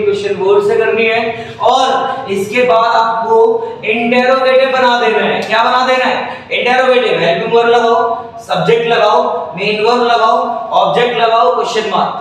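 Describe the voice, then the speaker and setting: A man's voice: very high-pitched, fairly bright tone, a little hiss or hum. A man teaching English grammar to a class, repeating questions back to his students to check they understand. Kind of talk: classroom lecture. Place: coaching classroom. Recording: echoey room, mic far off.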